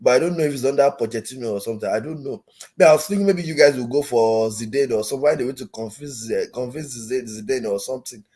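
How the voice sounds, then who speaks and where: A man's voice: mid-range voice, fast talker, warm tone, husky. A man with a Nigerian accent chatting casually about football as a fan, often repeating phrases for emphasis. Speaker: call-in guest, football fan.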